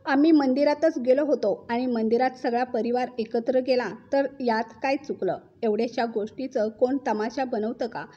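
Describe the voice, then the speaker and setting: A woman's voice: on the high side, normal speed, few pauses, dark tone, highs cut off, close to an everyday voice. A woman doing a young husband protesting. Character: young husband, son of the family.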